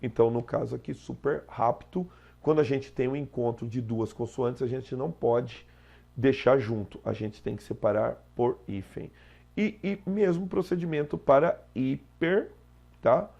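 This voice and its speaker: A man's voice: mid-range voice, normal speed, gravelly, warm tone, slightly rough, highs cut off. A Brazilian Portuguese-speaking man teaching an exam prep lesson, explaining step by step and checking in with "tá?" after each point.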